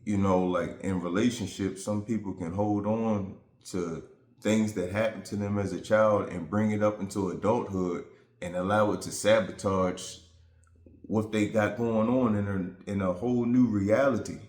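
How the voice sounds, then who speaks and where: A man with a fairly low voice talks straight to his viewers in a casual vent. His manner is earnest and reflective, and he drifts from thought to thought. The room around him has a noticeable echo. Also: steady tone, normal speed, darkish tone. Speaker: vlogger.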